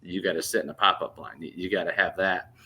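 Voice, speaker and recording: A man in his thirties casually telling a hunting story on a podcast, animated and laughing as he goes. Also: deep voice, quick pace, slight background noise. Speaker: podcast host.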